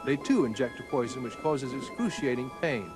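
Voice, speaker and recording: A man narrating a scripted nature documentary in a measured, formal storytelling manner. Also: medium pitch. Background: background music.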